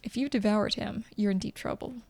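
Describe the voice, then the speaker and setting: A woman's voice: mid-range voice, fairly even intonation, fairly quick, a little mellow, dry recording, soft background music, close to an everyday voice. A woman voicing a proud, wary female lizard squad commander in a game story. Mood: threatening. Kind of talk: gameplay story read aloud.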